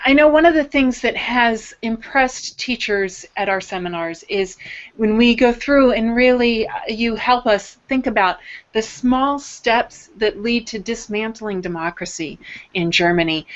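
A woman moderating a panel, upbeat and asking halting questions. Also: a little high, highs cut off.

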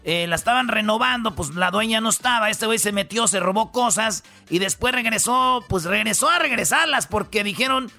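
A man's voice: high voice, fairly quick, hardly any pauses, pushed and bright, soft background music. A man hosting a comedic radio countdown, joking and bantering loosely in slangy talk. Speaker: radio show host.

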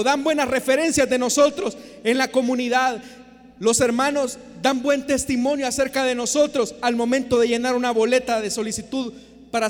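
Male preacher, impassioned sermon, very high voice, long church reverb. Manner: impassioned, rhetorical questions, swings between loud and soft.

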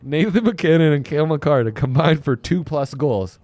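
Animated, jokey male betting podcast co-host. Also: a little high, fairly quick, dry recording. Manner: jokey, animated, laughs often. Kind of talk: casual banter.

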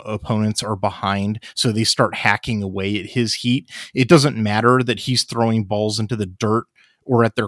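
A man's voice: on the low side, a bit bright, dry recording, studio quality. A man hosting a podcast, chatting casually about sports in a rambling, exasperated way, his voice sounding tired. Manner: rambling, exasperated, heavy use of "like". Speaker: podcast host.

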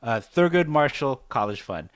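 Recorded over video chat, a male podcast co-host chats casually and signs off in a polite, appreciative way. His voice sits in the mid range, moves at a moderate pace, and swings widely in pitch.

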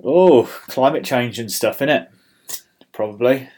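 A man's voice: medium pitch, a little slow, a little mellow. A British man rambling casually as host of an amateur weather show, with a dry, grumbling, mock-exasperated manner, recorded on a built-in laptop microphone. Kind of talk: rambling casual solo chat.

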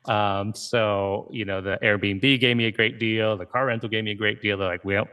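Low-voiced man telling a story easygoingly. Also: steady tone, normal speed, pushed and bright, clear, resonant tone. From Ohio, USA. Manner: easygoing storytelling, frequent "you know" and "right?". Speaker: guest, game creator. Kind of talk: conversational interview.

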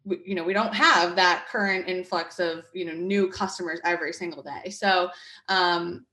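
A woman's voice: lowish voice, steady tone, normal speed, pushed and bright. Chatty woman in an echoey room. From Connecticut. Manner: chatty, many fillers and restarts. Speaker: guest, market project manager. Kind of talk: conversational interview.

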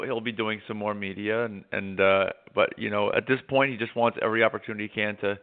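An American man co-hosting a casual talk show, halting at times and repeating words for emphasis. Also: fairly low pitch. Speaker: co-host, journalist. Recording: tinny phone-like line.

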